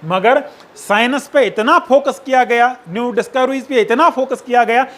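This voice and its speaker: A man's voice: very high-pitched, moderate pace. A man giving a sociology lecture, often checking that students follow and mixing in English phrases. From Kashmir. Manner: checks understanding with repeated tag questions, mixes in English phrases. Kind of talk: classroom lecture.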